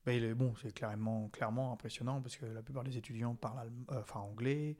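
A man's voice: mid-range voice, fairly even intonation, fast, warm tone. A young man from France, a guest on a podcast, talking casually and hesitantly with many fillers and restarts.

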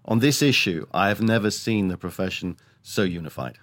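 A man with a deep voice and a close, dry sound gives interview commentary. He speaks emphatically and with firm opinions. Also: animated, moderate pace, a bit bright, no room sound. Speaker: economics columnist, podcast guest.

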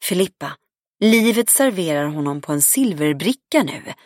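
A woman's voice: sits low, lively intonation, darkish tone, no echo, clean studio sound. A woman reading as a blunt, confident woman friend. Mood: persuasive. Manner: outspoken and emphatic, swears freely. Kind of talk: audiobook dialogue reading.

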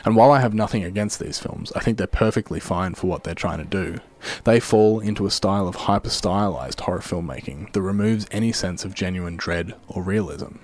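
A man's voice: deep voice, fairly quick, few pauses, darkish tone. A man giving scripted narration in the style of a film-analysis video essay.

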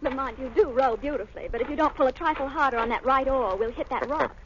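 Lady doing a chatty young woman in an old radio play, high quick voice, muffled lo-fi sound. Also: slight background noise, close to an everyday voice. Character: bright young woman, Margot Lane.

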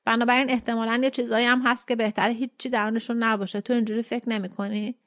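A woman reading as a soft-spoken, teasing young woman. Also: on the high side, level tone, no echo, studio quality, close to an everyday voice.

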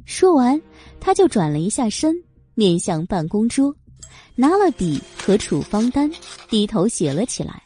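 Lively woman reading a novel aloud. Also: on the high side, measured pace, soft background music. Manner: expressive, lively storytelling. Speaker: audiobook narrator. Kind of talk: scripted novel narration.

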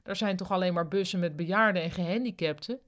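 A man's voice: sits high, fast, a bit bright. A reader voicing a boastful middle-aged male office manager who gives a jovial speech full of corporate jargon. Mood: curious.

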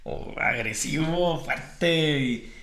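A man's voice: a little high, drawn-out words, fairly bright tone, reverberant. A man with a Mexican accent from Guadalajara, co-hosting a podcast in casual, rambling chat. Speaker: podcast co-host and teacher.

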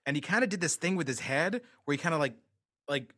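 A man's voice: fairly high pitch, animated, fast talker, fairly bright tone. Earnest male podcast host. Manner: reflective and earnest, with long searching questions. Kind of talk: casual interview.

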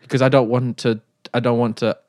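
A man's voice: medium pitch, little pitch movement, brisk, darkish tone, no room sound, clean studio sound. A man co-hosting a podcast, rambling playfully and giggling in casual chat. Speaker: podcast co-host. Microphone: headphones and studio mic.

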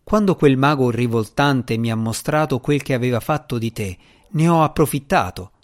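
A man's voice: medium pitch, lively intonation, moderate pace, lightly acted. Asmira, a man voicing a stern young woman. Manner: firm, pressing delivery. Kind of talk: audiobook character reading.

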